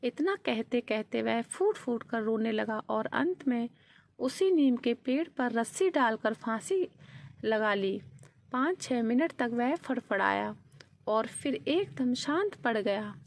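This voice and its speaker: A woman narrating a sad story in a steady, solemn storytelling manner. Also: a little high, slow pace, creaky.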